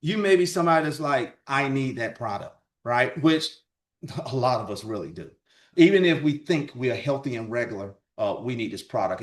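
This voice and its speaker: A man's voice: a little high, roomy sound. A man presenting a product and business opportunity to an audience, upbeat and repeating "right?" and "guys" as he goes. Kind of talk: sales pitch presentation.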